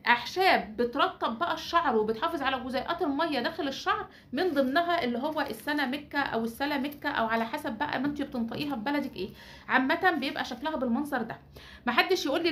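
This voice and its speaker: A woman's voice: sits high, fairly bright tone. A woman with an Egyptian accent hosting a home hair-care recipe tutorial. She is chatty and teasing, and talks straight to her viewers as if they were her sisters. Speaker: beauty channel host.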